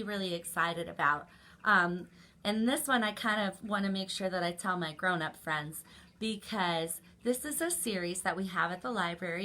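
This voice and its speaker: Reading a story aloud to kids, a woman with a medium-pitched voice chats with her young audience directly and animatedly as host of a children's story time.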